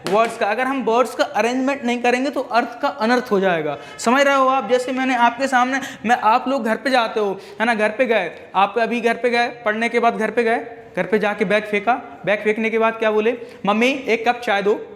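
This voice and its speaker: A man's voice: very high voice, steady tone, a little fast, a bit bright. Male teacher quizzing his class. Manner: repeats each point as a question and answers it himself; mixes English grammar terms into the explanation. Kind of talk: classroom lecture.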